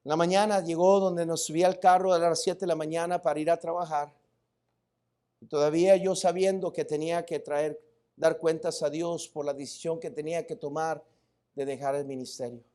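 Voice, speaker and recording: A man with a Mexican Spanish accent, a pastor preaching a sermon in church, telling a personal story that drops hushed and low before building to loud preaching, often stumbling and restarting words. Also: steady tone, moderate pace, clear, resonant tone.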